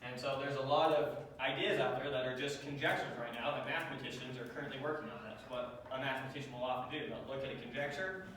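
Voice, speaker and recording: A man's voice: medium pitch, steady tone, fast, few pauses, a bit bright, a little hiss or hum. A man teaching a math class, lecturing and quizzing students with a dry, joking manner, recorded from the back of a classroom. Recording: echoey classroom taped from far off.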